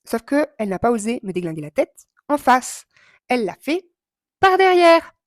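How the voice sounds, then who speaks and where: Animated woman telling a story. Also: a little high, brisk, dry recording, clean studio sound. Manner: animated, impulsive, swears and mimics others. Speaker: vlogger. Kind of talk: casual storytelling vlog.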